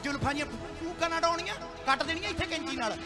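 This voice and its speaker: Male pastor, high-voiced, preaching call-and-response over live music. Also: quick pace. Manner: scolding, rhetorical questions to the congregation. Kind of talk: Punjabi sermon with call-and-response. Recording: live church PA with music and crowd.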